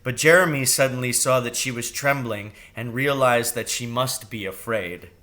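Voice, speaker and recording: A male storybook reader with a medium-pitched voice reads a children's novel aloud, narrating expressively with measured, deliberate phrasing.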